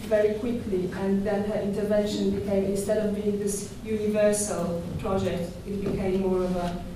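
A young woman curator giving a conference talk at a podium microphone in a dark lecture hall, measured and thoughtful with small hesitations and restarts. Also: medium pitch, little pitch movement, background noise. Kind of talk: conference presentation. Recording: echoey hall from far off.

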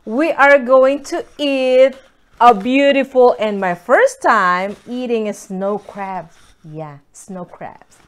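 A woman hosting a casual eating vlog, chatty and excited, with drawn-out exclamations between bites. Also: a little high, smooth. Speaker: mukbang vlogger.

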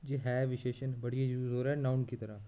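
A young man gives a grammar lesson in an unhurried, measured way, drawing out each example word. His voice sounds very dark and mellow. He speaks in a flat, even tone without much lift. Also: mid-range voice. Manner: slow and deliberate, spelling out examples word by word. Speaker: teacher.

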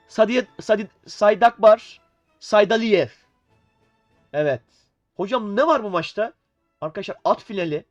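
A man with a cold commenting on a chess game in a casual, playful way, giving the pieces voices. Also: high voice. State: has a cold. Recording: dull sound with faint music.

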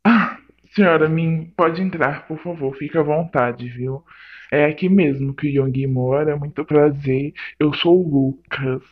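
A man voicing a flustered, short-tempered young man in an amateur voice drama, swearing loudly one moment and turning polite the next. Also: sits high, lively intonation, measured pace, phone-quality sound.

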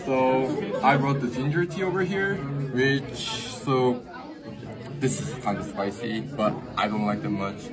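A young man with a Korean accent, explaining things in halting, simple phrasing. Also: mid-range voice. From South Korea. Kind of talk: casual explaining. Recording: heavy crowd chatter behind.

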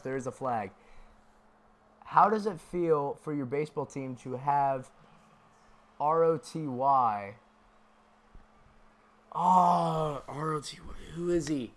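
A man streaming a football video game, calling plays and chatting with viewers, bursting into shouted calls on big moments. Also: mid-range voice, a little hiss or hum. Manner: chats with viewers between plays. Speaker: gaming streamer. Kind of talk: play-by-play game commentary.

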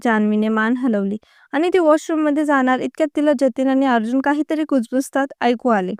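A woman narrating a story in an even, unhurried reading voice. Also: high-pitched, smooth, no room sound, clean studio sound.

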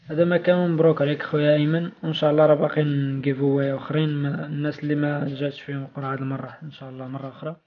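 Male vlog host, Moroccan accent, very rapid informal giveaway announcement, slightly high voice, dull lo-fi sound. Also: monotone. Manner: informal, off-the-cuff. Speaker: video channel host.

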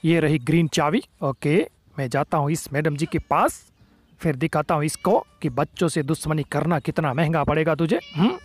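A young man hosting a gaming channel, giving excited, teasing gameplay commentary full of playful taunts. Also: a little high, moderate pace, husky, no echo.

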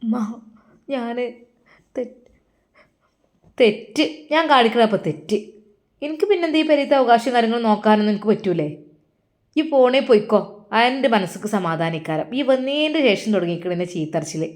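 A woman plays a tearful young daughter in a storybook tale who speaks in a Malappuram Malayalam accent. She pleads softly with a hurt tone. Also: fairly high pitch, lively intonation, a little fast, pauses often, close to an everyday voice. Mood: pleading.

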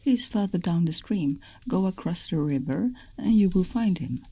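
A woman's voice: lowish voice, animated, moderate pace, mellow, breathy edge, pitched above the performer's own voice, poor audio. A woman voicing a very old, wise male turtle giving warnings in a whispered role-play storybook reading. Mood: knowing.

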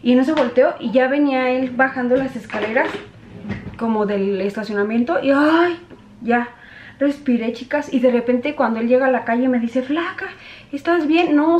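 Middle-aged Mexico City woman, chatty beauty vlogger telling a story; fairly high voice, echoey home room. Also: darkish tone, dull audio. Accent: Mexico City Spanish. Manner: chatty, addresses viewers as girls, many fillers. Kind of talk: casual storytelling while doing makeup.

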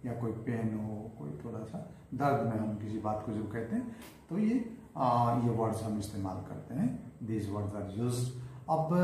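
A man teaching English grammar in Hindi at a board. He explains slowly, repeats each word and keeps asking "right?" and "clear?". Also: medium pitch, warm tone. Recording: echoey room, faint background hiss.

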